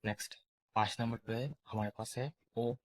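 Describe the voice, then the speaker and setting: A man's voice: mid-range voice, little pitch movement, normal speed, no room sound. A man teaching a beginner language lesson, saying each example word and its meaning twice. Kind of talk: slow spoken lesson.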